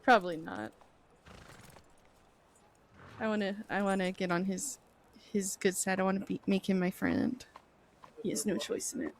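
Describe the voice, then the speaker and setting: A woman's voice: medium pitch, expressive, normal speed, gravelly, pauses often, slight background noise. A woman chatting in character during an online role-play game, friendly and talkative.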